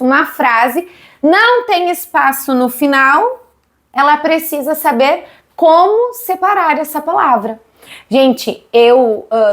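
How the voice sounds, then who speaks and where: A woman in her thirties with a Brazilian Portuguese accent, explaining literacy teaching and asking her viewers questions. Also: high voice. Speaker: literacy educator.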